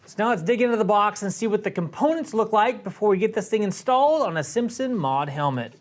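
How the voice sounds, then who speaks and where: This high-voiced American presenter talks fast and expressively as he walks viewers through a product. He's in his thirties, reviews gear for a motorcycle shop, and keeps things casual and explanatory on an indoor studio set.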